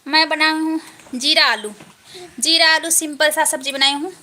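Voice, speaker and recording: A woman's voice: high voice, steady tone, moderate pace, bright, forceful tone. A woman hosting a casual live stream from home on a phone camera, chatting and thanking viewers one by one.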